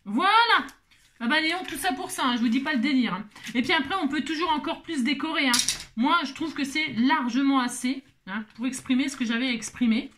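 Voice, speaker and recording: A woman's voice: sits high, fairly quick, fairly bright tone, slight background noise. A woman hosting a craft tutorial, chatting playfully to viewers and to herself as she works. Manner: talks to herself and viewers while working, playful teasing asides.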